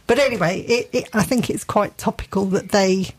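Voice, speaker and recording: Derbyshire lady chatting on a garden radio show, excited, lots of ums. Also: medium pitch, moderate pace, slight background noise. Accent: English, Derbyshire. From England. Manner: chatty, enthusiastic, many fillers and restarts. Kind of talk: casual radio chat.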